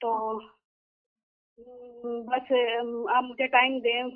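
A woman's voice: fairly high pitch, monotone, takes it slowly. A woman calling in over a crackly, unclear phone line, speaking earnestly and pleading, often repeating herself. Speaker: caller. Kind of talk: phone-in call to a spiritual guide.

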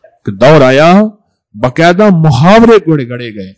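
A man delivers a sermon in a fairly high voice. He repeats phrases for emphasis, pushing some words out loudly and letting others drop low and quiet. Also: big pitch swings, low-quality recording. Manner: repetitive, emphatic, swings between loud stresses and soft drops. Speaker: preacher.

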